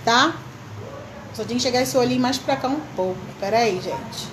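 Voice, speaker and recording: A woman's voice: fairly high pitch, normal speed, a little hiss or hum. A chatty woman hosting a crafts live stream, greeting viewers by name and laughing often. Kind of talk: casual live chat.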